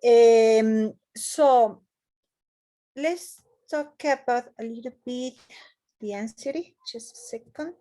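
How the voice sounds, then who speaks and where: A woman's voice: a little high, slow pace, mellow. A woman teaching an online class, speaking hesitantly with many fillers and restarts.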